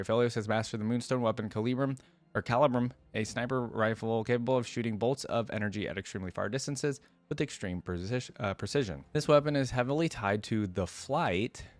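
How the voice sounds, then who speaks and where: A man with a fairly low voice reads lore aloud for a reaction video. He thinks out loud as he goes, tossing in casual, curious asides.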